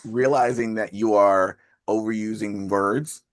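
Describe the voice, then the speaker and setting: A man hosting a group video call, talking fast in a casual way and laughing often. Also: lowish voice, fairly even intonation, no room sound, clean studio sound. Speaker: call host.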